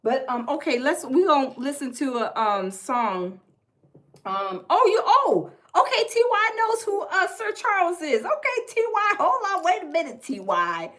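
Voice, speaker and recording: Very animated and unhurried, a woman with a high, slightly bright voice hosts a casual livestream in her American South accent. She chats folksily, reads comments aloud, and says things more than once.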